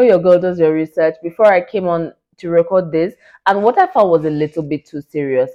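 A woman in her late twenties hosting a solo podcast, talking in an excited, chatty way full of "like" and "you know". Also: fairly low pitch. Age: 20s. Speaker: podcast host. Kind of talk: casual solo podcast talk. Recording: dull lo-fi recording.

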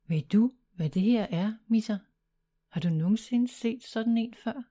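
Woman reading as a curious gentle little girl, soft wondering voice, higher than the narrator, storybook. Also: lightly acted.

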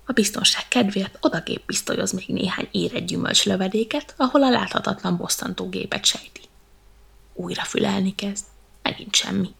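A woman reading a children's bedtime story with lively, playful narration. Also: medium pitch, creaky, breathy edge.

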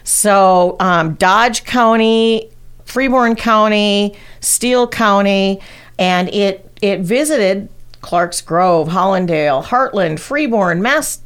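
A woman's voice: mid-range voice, takes it slowly, smooth. A middle-aged woman, hosting a casual history podcast and rambling through her notes with fillers and restarts. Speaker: podcast host presenting local history. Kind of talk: casual chat.

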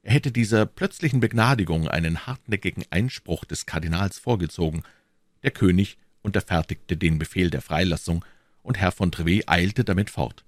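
A man reading a classic novel aloud in an expressive, measured storytelling manner. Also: deep voice, no echo. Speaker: audiobook reader.

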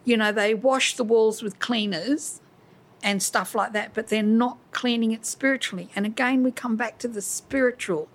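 A woman's voice: fairly high pitch, fairly even intonation, normal speed. A middle-aged woman, speaking conversationally in an outspoken, storytelling way during an interview discussion.

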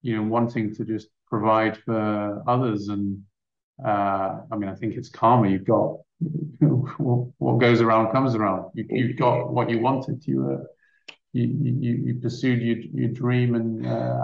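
A man's voice: mid-range voice, little pitch movement, measured pace, gravelly. A man co-hosting a podcast, speaking earnestly and repeating words as he gathers his thoughts. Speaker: co-host. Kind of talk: podcast conversation. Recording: roomy, dull lo-fi sound.

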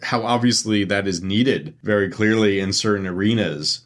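A man's voice: fairly low pitch, normal speed. A man co-hosting a podcast, chatting casually about teaching and reading out a listener question. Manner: relaxed, reads listener questions aloud. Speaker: podcast co-host. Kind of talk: casual chat.

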